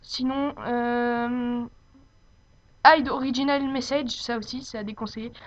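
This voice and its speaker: A woman giving an informal, unscripted software tutorial, speaking hesitantly as she searches for her words. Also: a little high, steady tone, unhurried. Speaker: tutorial presenter. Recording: dull lo-fi home microphone.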